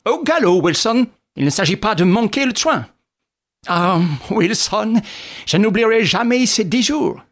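A man's voice: high voice, big pitch swings, measured pace, fairly bright tone, voice pushed up, full character voice. A man doing a hearty, bossy English detective. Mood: jovial. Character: brisk, self-satisfied English detective. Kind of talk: audiobook character reading.

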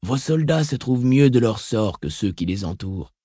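A man voicing a calm, calculating mentat advisor in an audiobook, soft-spoken and reasoned. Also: medium pitch, moderate pace, husky, dry recording, studio quality. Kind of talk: audiobook reading.

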